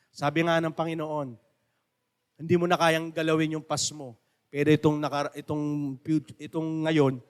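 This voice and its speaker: High-voiced man preaching a sermon. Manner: animated storytelling with rising shouts. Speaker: pastor.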